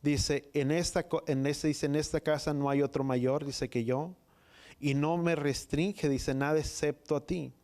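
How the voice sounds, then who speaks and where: A man preaching a sermon, reading scripture in halting phrases and repeating "dice" between them. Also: a little high, steady tone, darkish tone. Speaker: pastor.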